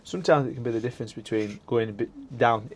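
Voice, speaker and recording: A man talks through his allotment jobs in a loose, rambling vlog style, at a middling pitch and full of fillers. He is recorded outdoors on his plot and in a greenhouse, with faint noise behind him. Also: quick pace. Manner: chatty and rambling, with filler words. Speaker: allotment vlogger. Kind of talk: casual vlog chat.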